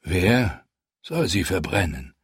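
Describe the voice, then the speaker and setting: A dutiful old knight, read by a man, low, measured and respectful, with a husky grain in the voice. The sound is dry and close to the mic. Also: big pitch swings, no room sound, full character voice. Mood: cautious. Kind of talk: audiobook character voice.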